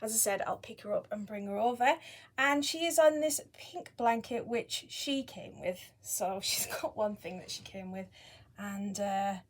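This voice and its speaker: A woman's voice: medium pitch, a little slow. A woman chatting casually to viewers in a rambling, apologetic home vlog, recorded indoors on a tripod camera. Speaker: doll collector vlogger, channel host. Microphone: camera on a tripod at a short distance.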